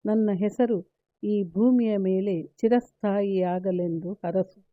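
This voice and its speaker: A woman voicing a grieving, resolute male warrior speaking to his mother, in a measured, solemn read-aloud storytelling manner. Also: mid-range voice, fairly even intonation, dry recording, close to an everyday voice. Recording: tinny phone-like, dry.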